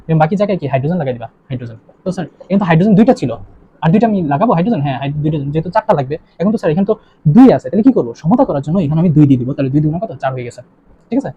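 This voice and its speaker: A young male chemistry tutor races through an online lesson in a fairly high, husky, animated voice, questioning students and repeating himself. The recording is dull and lo-fi, with faint ambience.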